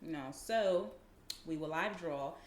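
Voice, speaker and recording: Woman co-host, low voice, blunt and cussing, echoey room w/ faint noise. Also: unhurried. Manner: blunt, profane, laughs often. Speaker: podcast co-host. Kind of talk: casual chat.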